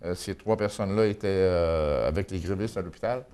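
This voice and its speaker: Male local columnist, Quebec French accent, lowish voice, colloquial and folksy, chatting through community news. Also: fairly quick, warm tone, clear, resonant tone. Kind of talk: informal spoken local chronicle in conversation.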